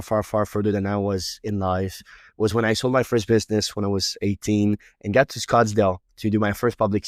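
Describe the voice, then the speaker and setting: A Quebec man whose first language is French hosts a podcast in English with a Québécois French accent, his lowish voice captured in a dry, studio-quality recording. In reflective interview talk, he often repeats words as he builds his thoughts.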